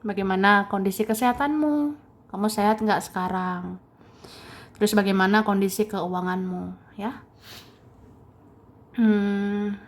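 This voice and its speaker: Young woman doing a chill tarot reading, super slow, keeps repeating herself, little laughs, mid pitch. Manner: slow, repetitive phrasing with soft chuckles. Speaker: tarot reader. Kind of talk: casual tarot card reading.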